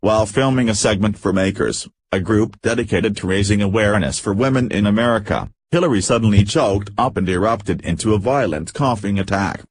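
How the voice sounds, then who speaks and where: A man's voice: fairly low pitch, a little fast, few pauses, husky, no echo, poor audio. A man reading scripted narration for a news video.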